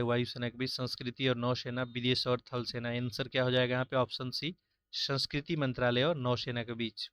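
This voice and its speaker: A man takes his students through a practice test question by question, keeping his delivery steady and explanatory. His voice stays at a middling pitch with very little rise and fall. The sound is close and dry, with no room around it. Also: clean tone, no room sound. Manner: steady, explanatory, repeats filler "jo hai". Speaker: exam-prep teacher. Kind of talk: going through mock-test answers.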